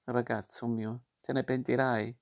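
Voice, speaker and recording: A man reading a storybook aloud and voicing a patient, motherly fairy who calmly scolds a child. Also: medium pitch, a little slow, gravelly. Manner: calm, gently scolding.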